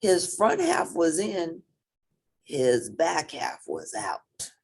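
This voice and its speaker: A woman reading a children's picture book aloud as an expressive storyteller. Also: sits low, very slow, vocal fry, a little hiss or hum.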